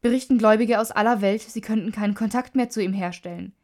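A woman playing a radio newsreader with an even, formal delivery, close to her own voice, from a spoken storybook. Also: mid-range voice, quick pace, natural voice. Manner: formal news reading.

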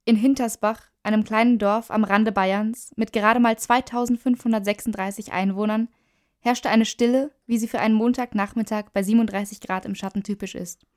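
A woman reads a storybook aloud with a measured, even delivery. Her voice sits at a middle pitch. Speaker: narrator. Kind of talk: storybook narration.

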